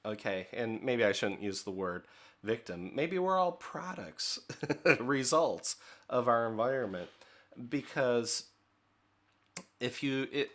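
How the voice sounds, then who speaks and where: In a relaxed leadership training lecture, a middle-aged American man speaks conversationally, using filler words and checking in with "okay?". His pitch is medium, his pace slow, and he leaves long pauses.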